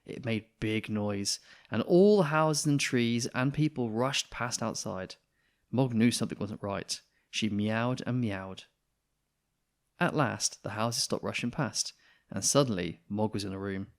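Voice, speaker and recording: A man reads a children's picture book aloud, storytelling expressively in a mid-range voice at an unhurried pace.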